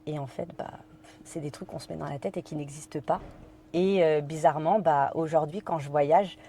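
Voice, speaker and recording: A woman's voice: low-pitched, normal speed, mellow, slight background noise. A woman from France, a podcast guest, telling a personal story in conversation, hesitant with many fillers and quoting her own inner thoughts.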